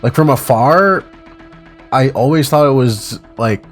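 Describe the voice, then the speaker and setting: A man's voice: medium pitch, lively intonation, unhurried, faint music behind. A man who is sick, casually rambling through an unscripted ranking of game icons with many fillers, recorded at home on a desk mic while wearing headphones. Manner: rambling, casual, offhand verdicts with frequent fillers. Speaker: gaming video creator ranking icons. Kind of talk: unscripted tier-list commentary.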